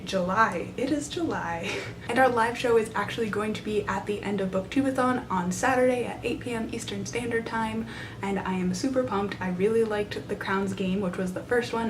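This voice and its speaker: A young adult woman chatting casually and enthusiastically to camera as a book vlogger, recorded on a handheld camera in a small room. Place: small side room in a library, indoors. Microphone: camera at arm's length. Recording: noisy room with low rumble.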